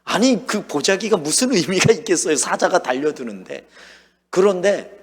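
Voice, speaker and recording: Male pastor, lively storytelling sermon, husky voice, long church reverb. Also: high-pitched, normal speed. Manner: storytelling, acting out his own lines and shouts. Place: church sanctuary.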